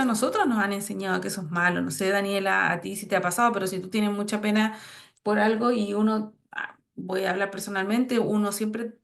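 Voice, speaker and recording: A woman's voice: mid-range voice, gravelly. A woman, giving an online psychology lecture in a conversational way and often checking in with her listeners. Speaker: course instructor, psychologist.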